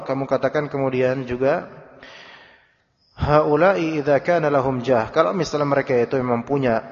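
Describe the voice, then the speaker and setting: A man teaching a religious book study in a conversational way, putting questions to his listeners. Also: medium pitch. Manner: conversational, quizzes listeners, briefly chants examples. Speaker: Islamic teacher. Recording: dull recording in a long-reverb hall.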